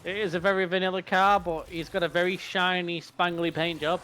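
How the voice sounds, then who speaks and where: Man, co-caster, slightly high voice, jokey and casual, swears freely. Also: little pitch movement, a little fast, pushed and bright, slight background noise. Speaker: esports co-caster. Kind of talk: colour commentary.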